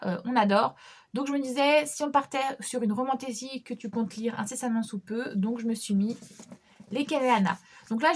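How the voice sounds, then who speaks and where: A young woman vlogging casually about her reading list, chatty, with frequent fillers, restarts and small laughs. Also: a little high. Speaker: book vlogger. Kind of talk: casual chat about books.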